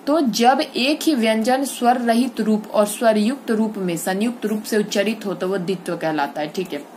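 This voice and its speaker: A woman's voice: mid-range voice, normal speed, a little mellow, slight background noise. A woman teaching a school grammar lesson online, explaining step by step and asking and answering her own questions.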